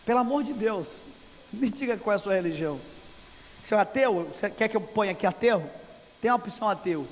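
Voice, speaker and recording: A woman's voice: medium pitch, expressive, fairly quick, close to an everyday voice. A male preacher voicing an impatient young female registration clerk who insists on her question in an exasperated, pleading way. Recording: reverberant hall, faint background noise.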